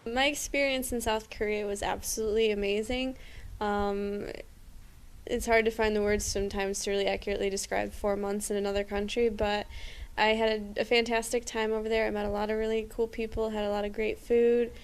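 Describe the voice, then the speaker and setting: A young woman speaks articulately and with enthusiasm. Her pitch stays level, in the middle of the range. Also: level tone, brisk, clean tone. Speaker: student. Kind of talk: interview answers.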